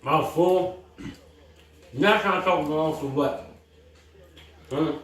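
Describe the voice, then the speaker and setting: A man's voice: on the high side, slow, fairly bright tone. A laid-back man hosting a home cooking show, chatting casually and chuckling in his kitchen. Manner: laid-back, chuckling, talks with mouth full while tasting. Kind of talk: casual chat. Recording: echoey room from a distance.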